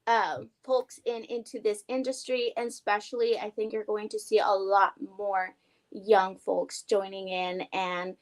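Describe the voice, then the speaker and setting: A young adult woman, an award-winning guest, talking excitedly in a casual interview chat. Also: mid-range voice, a little slow, rough recording. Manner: excited, upbeat, talkative.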